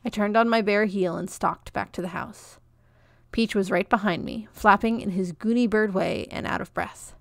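A woman narrating a children's novel in a clear, expressive read-aloud. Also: medium pitch, moderate pace, no echo, clean studio sound.

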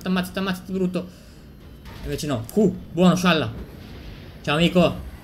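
A man giving excitable racing game commentary, repeating phrases and swearing as he plays. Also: a little high, slight background noise. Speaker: gameplay streamer.

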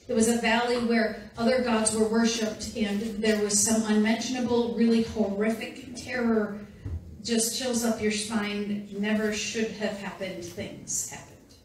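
A woman's voice: fairly high pitch, a little hiss or hum. A woman pastor delivering a conversational sermon to her congregation, speaking directly and playfully to the listeners. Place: church sanctuary. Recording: very echoey, distant church hall recording.

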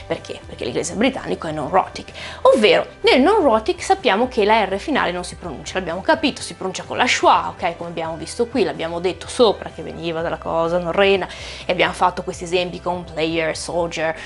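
A native Italian woman teaches English pronunciation, drawing example words out slowly and saying them again. Her voice sits at an ordinary middle pitch. Faint music plays underneath. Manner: lively, stretches and repeats example words slowly. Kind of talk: explanatory lesson.

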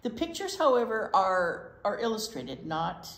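This woman in her sixties presents a relaxed storytime for children in a library children's room, reading expressively and punching key words through emphatic repeats. She speaks at a medium pitch, very animated and a little slow, with a slightly bright tone. Faint noise and a slightly echoey room come through.

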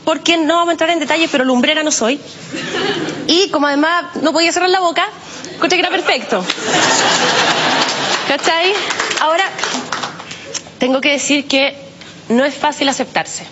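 High-voiced Chilean woman doing stand-up. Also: normal speed, pauses often, dull audio, background noise. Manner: chatty, self-mocking, heavy on slang. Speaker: stand-up comedian. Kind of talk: stand-up comedy routine.

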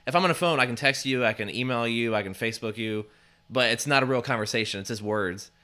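A man's voice: mid-range voice, bright, forceful tone. A man in his thirties from Indiana, a guest answering interview questions in an upbeat, confident way in a small studio. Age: 30s. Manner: upbeat, quick, confident storytelling. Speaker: guest, networking group founder. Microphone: studio mic on stand.

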